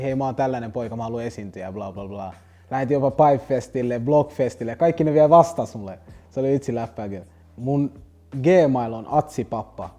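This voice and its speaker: Young male rapper, rambling anecdotes, dark mellow voice, faint music bed. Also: mid-range voice. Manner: loose, rambling slang-heavy telling with restarts. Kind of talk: casual storytelling interview.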